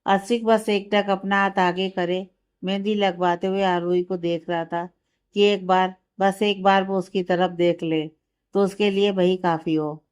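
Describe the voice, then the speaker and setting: Smooth-voiced woman narrating a story. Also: mid-range voice, level tone, unhurried, a little mellow.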